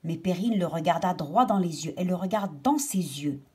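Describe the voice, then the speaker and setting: A woman's voice: fairly low pitch, expressive, moderate pace, warm tone, slightly rough. A woman teacher reading a children's story aloud and patiently explaining its words to young pupils.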